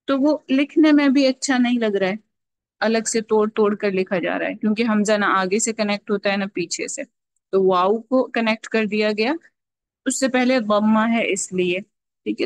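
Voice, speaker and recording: A woman teaching a Quran recitation class, explaining patiently step by step and slowly drawing out sounds to demonstrate them. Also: medium pitch, dry recording. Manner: checks in often with a repeated "okay". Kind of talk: online tajweed lesson.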